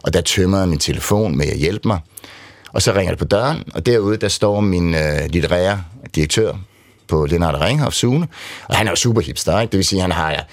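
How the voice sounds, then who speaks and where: Interview guest: middle-aged man, low voice, candid and rambling, dry close mic. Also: expressive, dry recording. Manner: candid, rambling, frequent "ikke?" tags. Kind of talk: conversational storytelling.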